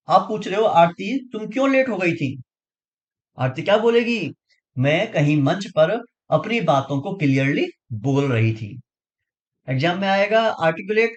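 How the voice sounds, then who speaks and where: A man teaches exam vocabulary, drilling memory tricks and checking in with his students again and again. His voice sits high and swings widely in pitch, giving the lesson a lively, animated lilt. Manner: explains with repeated memory tricks, frequent checking questions.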